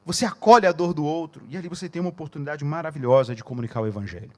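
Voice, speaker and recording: A man with a Brazilian Portuguese accent preaching as a pastor at a conference, telling stories and acting out conversations in a quieter voice. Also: a little high, racing. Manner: storytelling, acts out dialogue in a quieter voice. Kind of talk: conference sermon. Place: conference hall.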